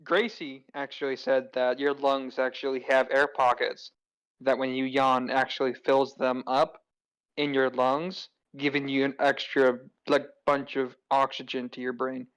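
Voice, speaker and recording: A man's voice: medium pitch, little pitch movement, a little slow, fairly bright tone, clean tone, rough recording. A man playing in a tabletop game, earnest and rambling with frequent "like". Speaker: player. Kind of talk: tabletop role-play chat.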